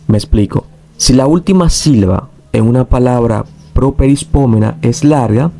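A man teaching a recorded lesson, patiently explaining and repeating each rule so it is clear. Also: mid-range voice, warm tone. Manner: patient, repeats rules to make them clear.

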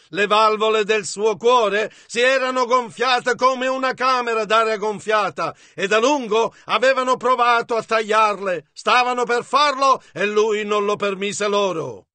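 Slow, high-voiced male sermon interpreter. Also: no echo. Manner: measured, steady delivery. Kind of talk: translating a sermon line by line.

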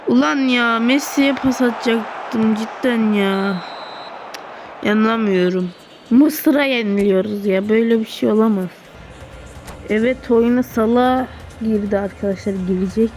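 A woman commenting on her own football video game match, excitable and often groaning or shouting at the play. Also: on the high side, measured pace, a little hiss or hum. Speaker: gaming streamer. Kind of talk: live gameplay commentary.

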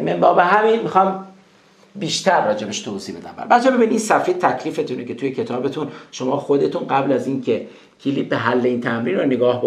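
Man, English teacher, gravelly voice, somewhat high, echoey room. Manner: chatty, addresses students as kids, repeats English phrases slowly. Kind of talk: recorded screen-share grammar lesson.

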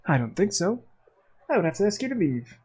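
A man voicing a calm, threatening woman who owns a club, in a video game. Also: sits high, fairly quick, husky, pitched above the performer's own voice, heavily acted. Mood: menacing. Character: cool, menacing woman club owner.

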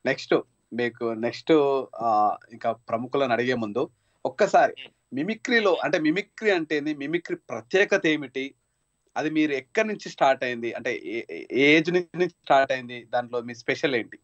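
A man's voice: mid-range voice, lively intonation, brisk, a bit bright, no room sound, dull audio. Enthusiastic male radio host. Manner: enthusiastic, encouraging. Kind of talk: casual interview chat.

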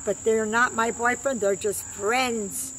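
Plain-spoken elderly woman, slightly high voice. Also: fairly even intonation, takes it slowly, fairly bright tone, low-quality recording. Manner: plain-spoken, short simple answers. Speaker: grandmother answering questions and comments. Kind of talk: casual chat. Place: outdoors on a deck and garden bench. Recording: outdoor recording with clear background insect noise.

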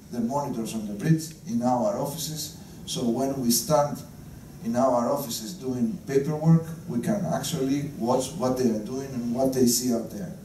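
A man's voice: medium pitch, mellow, a little hiss or hum. A middle-aged man with a Greek accent, a ship captain giving a joking talk to guests on the bridge and chuckling at his own punchlines. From Greece. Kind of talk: humorous guided talk to guests. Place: ship's bridge, indoors. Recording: echoey room, from far off.

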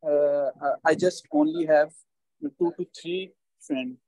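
A man with a Pakistani accent answering as a language test candidate, in halting, hesitant non-native English. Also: a little high, warm tone, no room sound, low-quality recording. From Lahore, Pakistan.

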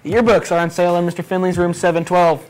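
A man's voice: high voice, little pitch movement, fast talker, darkish tone, faint music behind, rough recording. A teenage young man co-hosting student news, reading school announcements with casual, folksy asides. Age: teens. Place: small school video studio, seated at desk.

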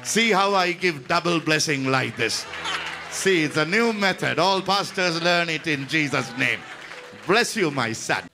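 A man pastor leading a healing service, blessing people with emphatic repetition and now and then breaking into song or shouting. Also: on the high side, lively intonation, unhurried, over music, crowd noise.

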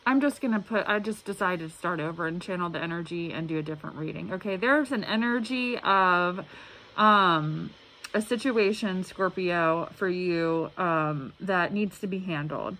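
A woman speaking through a face mask, slightly muffled, giving a casual, halting and earnest tarot reading to camera. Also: on the low side, sharp tone. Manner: halting, earnest, repeats words. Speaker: tarot reader. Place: indoor room at a table. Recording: clearly noisy room recording.

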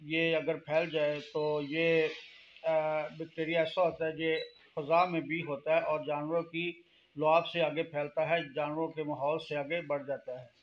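A middle-aged man, giving earnest farming warnings to camera in a casual vlog, often hesitating with drawn-out pauses. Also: a little high, flat delivery, a little hiss or hum. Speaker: farming channel host. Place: small indoor room. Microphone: phone held close to face. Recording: dull lo-fi phone audio.

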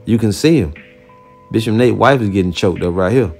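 Blunt, low-voiced man preaching. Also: creaky, darkish tone, husky, faint music behind. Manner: blunt and heated, with casual profanity; reads scripture aloud slowly and deliberately. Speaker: religious teacher reacting to a video. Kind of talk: informal preaching commentary with scripture reading.

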